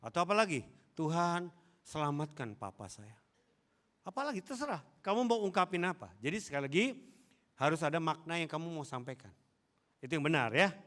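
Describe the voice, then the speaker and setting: A man's voice: fairly high pitch, animated, fast, bright, forceful tone. A man from Indonesia preaching a sermon as pastor, exhorting and asking the congregation questions. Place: church hall.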